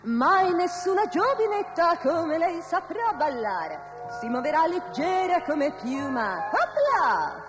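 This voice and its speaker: A woman's voice: very high-pitched, very animated, slow, over music, full character voice. An actress playing a cheerful good fairy who half-sings her gift to a baby. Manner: sing-song, half-singing.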